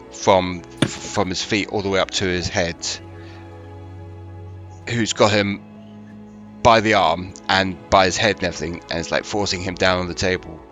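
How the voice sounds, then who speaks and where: Game master: a Northern English man with a deep voice and a forceful tone, halting narration full of fillers. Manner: halting, many fillers and restarts. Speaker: dungeon master.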